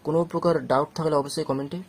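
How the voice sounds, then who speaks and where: Man, Quran reading teacher, slightly high voice, patient, drills syllables slowly. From Bangladesh or West Bengal. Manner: explains calmly, checks with "okay?". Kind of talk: patient step-by-step recitation lesson.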